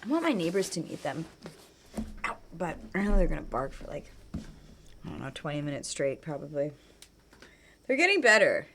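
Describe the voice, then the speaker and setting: A woman chatting casually while she plays a game, rambling on and trailing off into quiet mutters as she focuses. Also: deep voice, very animated, moderate pace, pauses often, a little hiss or hum. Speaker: game streamer.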